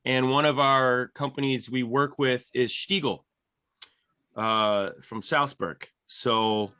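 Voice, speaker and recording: A man from Canada hosting a podcast, chatting casually, friendly and quick to laugh. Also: medium pitch, fairly even intonation, sharp tone, clean tone, dry recording. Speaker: podcast host. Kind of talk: casual interview chat.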